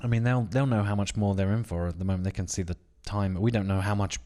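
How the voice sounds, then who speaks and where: A man's voice: on the low side, fairly even intonation, quick pace, warm tone. A man co-hosting a podcast in the middle of the night, sleepy and trading jokes in casual banter. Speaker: podcast co-host. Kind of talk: casual late-night chat.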